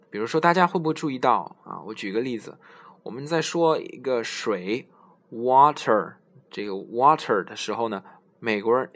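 A man giving a pronunciation lesson, explaining in Chinese and slowly modelling English words several times. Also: mid-range voice, fairly bright tone. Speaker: English teacher.

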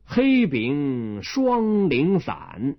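A suspicious, self-important county magistrate, as a male storyteller puts him on, speaking slowly and solemnly. His lines are drawn out and heavy with authority. The recording sounds dull and lo-fi. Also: on the high side, huge pitch swings, gravelly, full character voice. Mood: stern. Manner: slow, drawn-out, stern official delivery.

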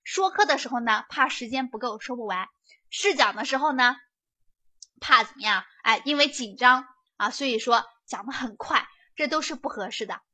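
A woman giving a lively prep lecture, chatty and often checking that students follow along. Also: a little high, moderate pace. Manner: chatty, keeps asking students to confirm.

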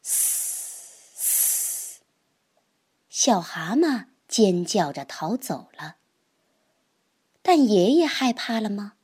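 Slow expressive woman storyteller. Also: medium pitch, slightly rough. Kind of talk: children's story reading.

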